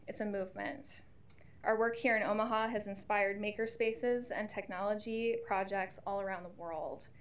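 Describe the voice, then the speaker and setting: Woman, 30s, mid pitch, steady and earnest, reading testimony at a podium mic. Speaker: nonprofit CEO testifying. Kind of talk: reading a prepared statement. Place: council chamber. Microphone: podium microphone.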